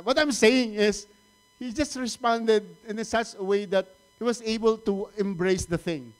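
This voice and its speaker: A middle-aged man with a Filipino accent, preaching a sermon as a pastor in an animated way, often laughing and repeating words. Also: high-pitched. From Philippines.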